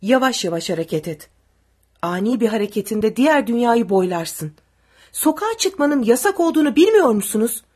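A woman voicing a brutal tall male soldier who barks threats and orders, with a husky voice. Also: medium pitch, expressive, normal speed, a little mellow. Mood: barking threats.

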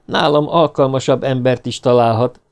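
A man's voice: medium pitch, steady tone, gravelly, darkish tone, clear, resonant tone, lightly acted. A man reading an audiobook, voicing an agitated, grieving young man in his twenties. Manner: pleading, heated outbursts.

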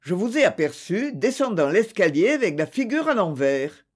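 A plump, cheerful Englishman, voiced by a man reading aloud, chatters in jovial, clumsy turns of phrase. The voice sits high and swings widely, bright with goodwill, as in an audiobook. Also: very animated, normal speed, slightly rough, full character voice.

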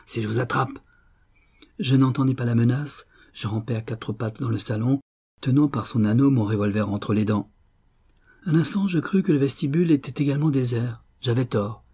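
A man with a husky, mid-range voice narrates an audiobook, telling the story in a steady, measured manner.

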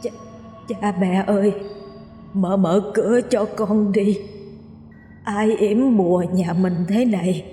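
A woman's voice: mid-range voice, fairly even intonation, slow pace, long pauses, dark tone, echoey room, in a large hall, faint music behind, lightly acted. A woman voicing the ghost of a starving young man who wails and stammers as he begs to be let in. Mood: wailing, pleading. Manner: stammering, wailing plea.

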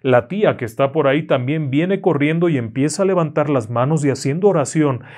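A man narrating a horror story, slow and hushed in calm parts and rising sharply in pitch at frightening moments.

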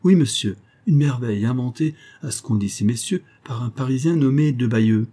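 A man reading the part of a weathered older boatman and former convict, low-voiced, humble and eager to serve. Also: normal speed, dark tone, husky, natural voice. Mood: earnest.

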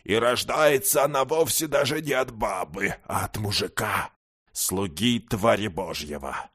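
A man's voice: on the low side, a little slow, a bit bright, breathy edge. A man putting on a toothless old beggar mumbling doom. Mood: ominous. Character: gloating toothless old male beggar, fearmonger.

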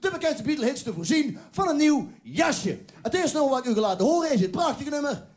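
High-voiced man hamming up cabaret. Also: sing-song, fast talker. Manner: giggles at his own jokes, rambling. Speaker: comic host. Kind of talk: mock radio announcer cabaret. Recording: music playing underneath.

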